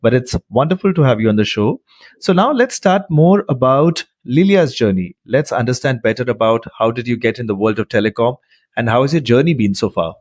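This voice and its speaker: A man hosting a podcast interview in a formal, effusive way, warmly praising his guest. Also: mid-range voice, lively intonation, brisk, no echo, clean studio sound. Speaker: podcast host.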